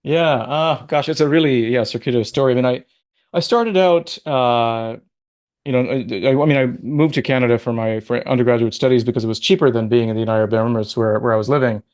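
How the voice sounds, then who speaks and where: A thoughtful man speaks on a video call as a guest, a sociology professor born in Qatar and raised in Oman. His medium-pitched, darkish voice moves briskly, restarting and rambling as he recalls things in a conversational interview.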